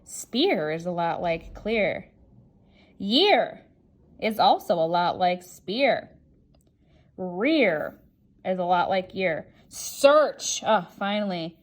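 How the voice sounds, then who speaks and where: A woman teaching a word lesson to children like a kids show host, asking questions and pronouncing example words with deliberate emphasis. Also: on the low side, very animated. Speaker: teacher hosting a word sort lesson video. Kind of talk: scripted-feeling instructional demonstration for children.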